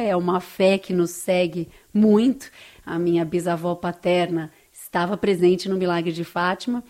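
Her pitch is fairly low and her tone leans dark. She is a Brazilian interviewee with a Brazilian Portuguese accent, telling stories from the heart in a conversational style.

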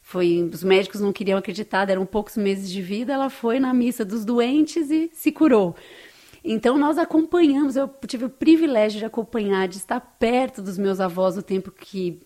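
At a moderate pace and in a mellow mid-range voice, a woman from Brazil talks as an interview guest. Her Brazilian Portuguese accent colors a heartfelt, conversational bit of storytelling.

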